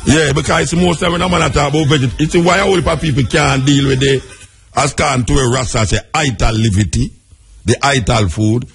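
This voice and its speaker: A Jamaican man with a husky voice, talking in Patois as a radio host, conversational and emphatic, repeating his points. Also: mid-range voice, brisk, faint music behind. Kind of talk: radio talk commentary in Patois.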